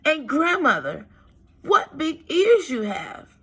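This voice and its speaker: A woman's voice: high voice, huge pitch swings, slow, bright, forceful tone, pitched above the performer's own voice, exaggerated voice. A woman voicing a naive, trusting little girl in a children's storybook, earnest and innocent. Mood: wondering. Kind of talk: children's storybook read-aloud.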